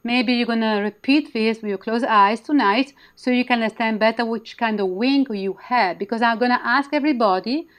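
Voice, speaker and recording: A woman with non-native English phrasing, gently and reassuringly explaining and leading a guided meditation in a smooth, clear voice. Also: on the high side, a little fast, few pauses. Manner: gentle, reassuring, simple encouragement. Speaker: spiritual healer, guest leading a guided activation.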